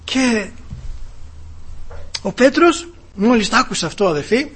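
A man preaching a sermon emphatically, dropping to hushed asides and rising to loud exclamations, and often addressing the congregation as brothers. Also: very high voice, lively intonation, breathy edge.

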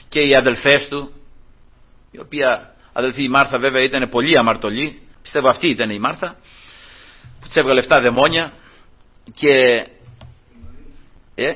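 A man's voice: mid-range voice, breathy edge. A man preaching a sermon, addressing his brothers, acting out the dialogue of the people he tells about and chuckling often. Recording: dull lo-fi recording.

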